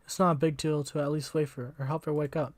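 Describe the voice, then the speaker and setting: A man's voice: a little high, flat delivery, fast talker, no echo. A young man reading a visual novel aloud as the channel host, casual and slangy, tripping over words now and then.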